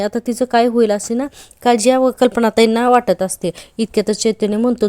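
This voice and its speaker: A woman's voice: a little high, dark tone, clear, resonant tone, dry recording, clean studio sound. A woman casually recapping a TV serial episode, chatty and speaking straight to her viewers. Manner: chatty, addresses viewers directly, frequent filler particles. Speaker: serial review host.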